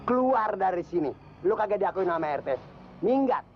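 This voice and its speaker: A man's voice: high-pitched, animated, normal speed. An actor playing a blustering comic foreman with a Betawi Jakarta accent who acts as an exorcist in a horror film. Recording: dull lo-fi film sound, loud noise.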